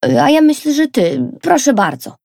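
A woman voicing an excited little boy in a storybook reading, speaking eagerly and exclaiming. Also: sits high, normal speed, creaky, no echo, clean studio sound, pitched above the performer's own voice, full character voice.

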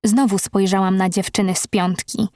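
A woman narrating a first-person audiobook in a measured, even storytelling manner. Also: medium pitch, no room sound, clean studio sound.

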